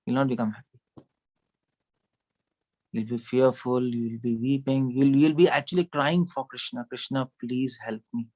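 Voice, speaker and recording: Male speaker, mid pitch, chatty sermon style, quizzes the audience, laughs a lot. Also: steady tone, normal speed, long pauses, a little mellow. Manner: conversational, asks the audience questions, laughs often. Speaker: speaker at a devotional gathering.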